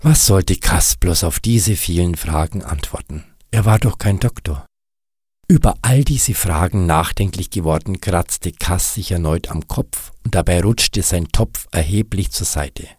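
A man narrating a storybook in a calm, even storytelling manner. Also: deep voice, a little slow, slightly rough, no room sound, clean studio sound.

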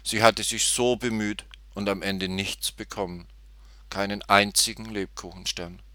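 A man narrating a children's story in an expressive, animated way, recorded close on the mic. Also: lowish voice, unhurried, dry recording. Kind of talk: storybook reading.

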